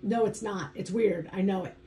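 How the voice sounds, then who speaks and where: Woman playing a troubled young man, urgent, pleading, mellow voice. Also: mid-range voice, moderate pace, lightly acted, poor audio. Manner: urgent, pleading, flaring into anger.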